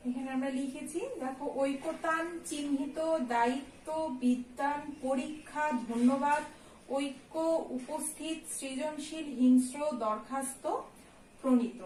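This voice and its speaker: A woman, a college teacher, giving a recorded lesson. She explains slowly, step by step, and keeps checking in with her students. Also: high-pitched, a little mellow. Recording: echoey room, distant mic, faint ambient noise.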